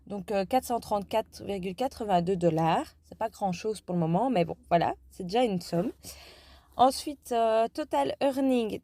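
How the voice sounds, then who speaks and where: A woman's voice: mid-range voice, dark tone, no echo. A woman casually walking viewers through a phone app, talking hesitantly with many fillers and self-corrections. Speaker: app tutorial vlogger. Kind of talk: casual screen-recorded app walkthrough.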